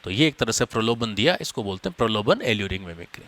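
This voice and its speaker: A man's voice: fairly low pitch, animated, fast, a bit bright. A man teaching a biology lesson, explaining step by step and addressing his students as children. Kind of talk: classroom biology lecture.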